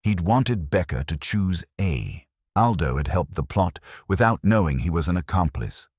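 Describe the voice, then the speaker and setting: With big pitch swings and a breathy edge, an extremely deep-voiced audiobook narrator delivers a first-person detective story, measured and wry. The recording is dry with no room sound.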